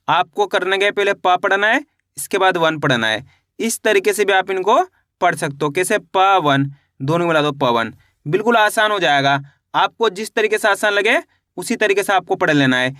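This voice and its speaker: A man's voice: sits high, a bit bright, no echo, studio quality. A man teaching children to read, sounding out each letter one by one and then blending them into a word, patient and repeating his questions. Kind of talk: slow phonics lesson. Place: voice-over for a video lesson.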